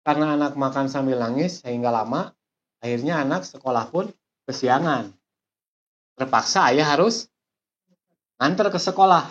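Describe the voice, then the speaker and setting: A man teaches a lesson through a slow, deliberate story, repeating himself as he goes, in a dull lo-fi recording. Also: medium pitch, a bit bright. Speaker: motivational speaker.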